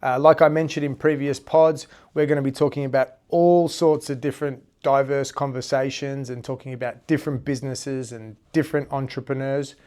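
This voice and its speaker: A man's voice: medium pitch, fairly even intonation, brisk, few pauses, a little mellow. A man, hosting a podcast in a chatty, laid-back way. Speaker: podcast host. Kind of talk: casual interview chat.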